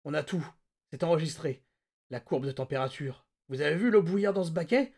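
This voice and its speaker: Man voicing a frantic shouting psychiatrist. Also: expressive, brisk, slightly rough. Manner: shouting, gasping, pitch leaping. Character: frantic excitable male psychiatrist, breathless.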